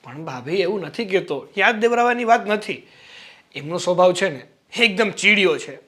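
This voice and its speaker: A man's voice: high voice, animated, normal speed. A young man acting a younger brother-in-law who coaxes and lectures his sister-in-law, in a family drama. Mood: persuading. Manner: coaxing, then loud and exasperated.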